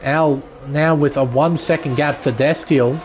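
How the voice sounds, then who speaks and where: A man's voice: a little high, steady tone, unhurried, soft background music. A man doing live motorsport commentary, calling the race action move by move. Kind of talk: live sim racing commentary. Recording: loud vehicle noise behind. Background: racing car engine noise.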